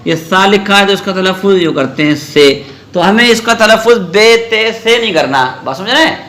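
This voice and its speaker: A male Quran reading teacher speaks in a high, sharply bright voice. He puts questions to his class and answers them himself. He stretches the letter sounds into a slow, sung drawl.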